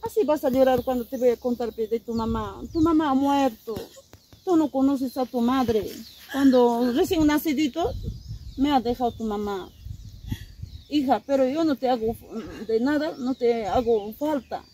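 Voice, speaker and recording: A woman's voice: high voice, normal speed, dark tone, slight background noise, natural voice. A woman playing a tender, guilt-stricken mother soothing her daughter outdoors in the countryside. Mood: apologetic. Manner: soothing, apologetic.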